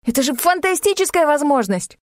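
A woman reading an audiobook, voicing an eager, excitable young man obsessed with mountains. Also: high-pitched, fairly quick, no room sound, studio quality, pitched above the performer's own voice. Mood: excited. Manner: eager, pleading and loud. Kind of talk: audiobook character voice.

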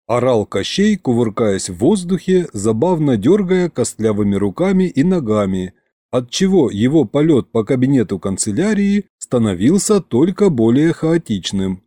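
A man, the author, narrating his own book in a lively, expressive reading. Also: mid-range voice, normal speed, dry recording, clean studio sound. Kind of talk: audiobook narration.

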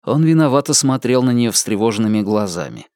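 A man reading a novel aloud as an audiobook narrator, in a dramatic, expressive manner. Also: mid-range voice, brisk, no room sound, studio quality. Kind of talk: scripted narration.

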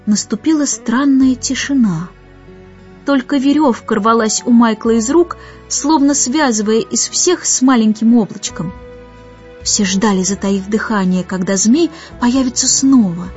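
A woman reading a children's story aloud in an expressive, measured way. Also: fairly high pitch. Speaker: audiobook narrator. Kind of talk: scripted storybook narration. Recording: dull lo-fi audiobook with faint music.

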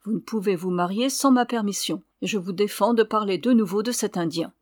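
A woman's voice: medium pitch, brisk, darkish tone, no room sound, clean studio sound, lightly acted. A woman voicing a scornful, domineering older guardian. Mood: indignant. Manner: imperious, mocking.

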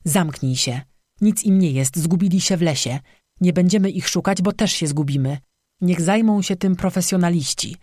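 A narrator voicing a stubborn young man who shouts orders at his frightened friends. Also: mid-range voice, moderate pace, dry recording, clean studio sound, lightly acted. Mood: barking orders. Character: stubborn young man leading a group, harsh.

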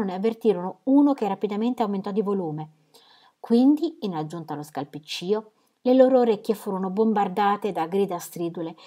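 A woman reads a novel aloud in a warm, mellow voice that sits on the low side. Her storytelling is measured and expressive, the steady pace of an audiobook. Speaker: reader. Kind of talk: audiobook narration.

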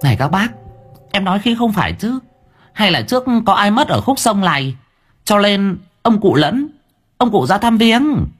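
A man's voice: big pitch swings, moderate pace, soft background music. A man voicing a nosy young villager who chatters politely to his elders. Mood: curious. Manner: deferential, chattering, voice pitched high.

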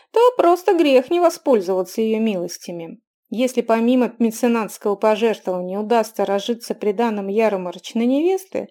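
A woman's voice: fairly high pitch, dark tone, close to an everyday voice. A woman voicing a grumpy, scheming young man who is broke and talks in sardonic, muttered asides.

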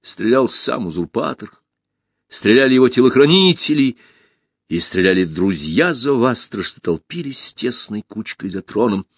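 A man narrating a fantasy story for an audiobook in an expressive storytelling manner. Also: mid-range voice, normal speed, husky, no room sound, studio quality. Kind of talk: audiobook narration of a fairy tale.

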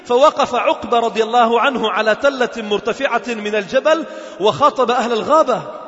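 Male preacher, high voice, rapid impassioned storytelling, echoing hall on a dull recording. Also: fairly bright tone. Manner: impassioned storytelling, rising to emphatic cries. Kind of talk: sermon.

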